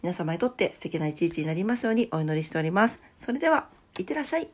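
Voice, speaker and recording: A woman's voice: on the low side, sing-song, quick pace. A woman hosting a casual morning talk show, a bit stuffy-nosed, chatty and laughing at her own asides. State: stuffy nose. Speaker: podcast host.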